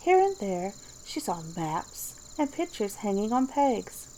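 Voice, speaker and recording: A woman narrates a storybook in a whispered ASMR style. Her tone is soft and dark at a middling pitch, with faint ambient noise behind her. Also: big pitch swings, slow pace, rough recording. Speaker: storybook reader.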